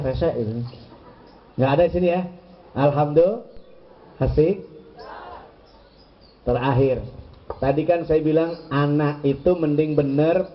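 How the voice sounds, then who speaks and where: Man preacher, high and swooping voice, playful and teasing; muffled lo-fi recording. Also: slight background noise. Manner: playful, teasing, acts out voices of husbands and wives. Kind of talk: lively sermon to a women's gathering.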